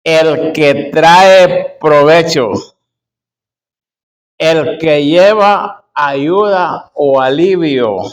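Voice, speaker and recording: Pastor guy, slow sermon, repeats lines for emphasis, calls folks brother. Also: on the high side, poor audio. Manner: emphatic, repeats key phrases slowly; addresses listeners as brother and sister. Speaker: preacher.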